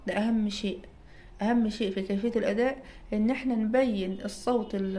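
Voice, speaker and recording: Medium in pitch and dark in tone, this woman speaks with an Egyptian Arabic accent while lecturing as a recitation teacher. She poses questions and answers them herself, checking in with her listeners along the way.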